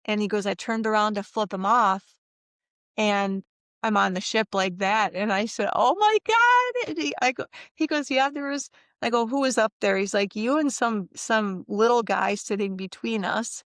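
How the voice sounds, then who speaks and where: A middle-aged woman with a gravelly, fry-touched voice tells a personal story in a relaxed interview. She is animated, breaking into the voices of the people she quotes. The recording is close and dry. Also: mid-range voice, normal speed, no echo. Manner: animated, acts out quoted voices, laughs often. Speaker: interview guest.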